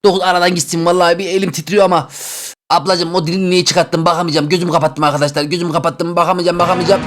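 Energetic male gamer host, high and quick, jokey, swings between loud and hushed. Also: noisy background. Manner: excitable, jokey, rapid banter with swings in pitch. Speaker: gaming YouTuber. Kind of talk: playing a game show on camera.

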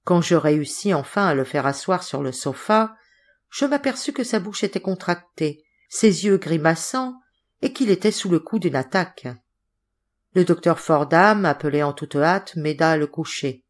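Low-voiced woman reading an audiobook. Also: moderate pace. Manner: steady, expressive reading. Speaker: audiobook narrator. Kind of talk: scripted literary narration.

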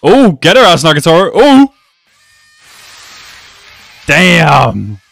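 This twenty-something reaction host speaks slowly in a slightly high, creaky, somewhat bright voice with huge swings in pitch. The recording is dry, with soft music underneath, and he sits close to a desk mic in a small room giving amused, slangy, casual commentary.

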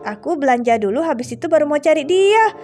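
A woman voicing a calm, chatty mother shark in a game drama, speaking in a matter-of-fact way. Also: high voice, fast, soft background music, voice pushed down.

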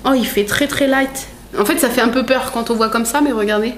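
At home, a woman vlogger unwraps gifts and chats casually, rambling with plenty of fillers, correcting herself, laughing often and teasing playfully. Her voice sits on the high side and moves briskly. The recording has a roomy echo and a little hiss or hum.

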